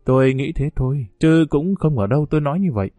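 A man reads a novel aloud in a steady, unhurried way. His voice is dark and mellow. The recording is dry and close, with soft guitar music playing behind him. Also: a little high, dry recording. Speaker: audiobook narrator. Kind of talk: scripted narration of a novel.

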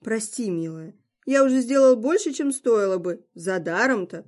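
A woman's voice: fairly high pitch, expressive, normal speed, darkish tone, close to an everyday voice. A woman reading the part of a teasing trickster god with a theatrical, mocking delivery. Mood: mock indignant. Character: sly mocking trickster god, male, grown man.

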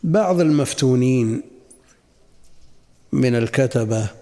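An older man, a sheikh, teaching a classical religious lesson in a measured way, repeating phrases and asking rhetorical questions. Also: medium pitch, expressive, warm tone.

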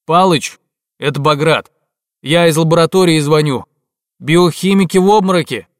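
A man's voice: medium pitch, moderate pace, clear, resonant tone, no echo, studio quality, lightly acted. A man voicing an agitated male lab worker phoning in urgent bad news. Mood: alarmed.

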